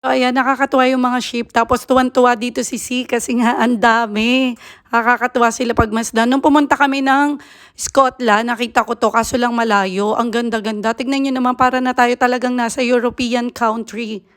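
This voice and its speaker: Brief: chatty, upbeat female vlogger, fairly high voice, outdoors on a handheld phone. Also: fairly even intonation, a little fast, fairly bright tone, smooth, no room sound, studio quality. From Philippines. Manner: chatty, upbeat, often laughing. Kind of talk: casual vlog tour. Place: outdoor farm.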